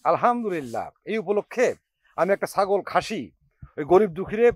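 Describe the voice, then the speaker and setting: A smug, mocking young brother-in-law. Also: male voice, high voice, big pitch swings, brisk, no echo. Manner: teasing, sarcastic. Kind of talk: TV drama acting.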